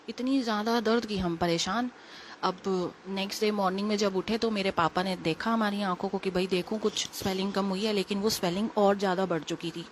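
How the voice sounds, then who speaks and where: A young woman, a little unwell, telling a personal story in quick, rambling, casual talk full of fillers. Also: medium pitch, slight background noise. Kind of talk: casual spoken testimony.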